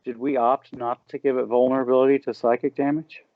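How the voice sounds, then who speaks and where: A man's voice: mid-range voice, flat delivery, brisk, no echo, lo-fi sound. A man chatting as a contestant on a casual show, wry and joking. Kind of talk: casual banter.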